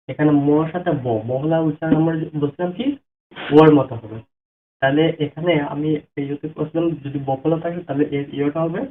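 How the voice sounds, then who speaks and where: A man teaching how to pronounce a devotional Sanskrit mantra, breaking words down slowly syllable by syllable and chanting examples. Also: on the high side. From Bangladesh. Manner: slow, careful syllable-by-syllable explanation. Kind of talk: spoken lesson with chanted examples. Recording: tinny phone-like audio.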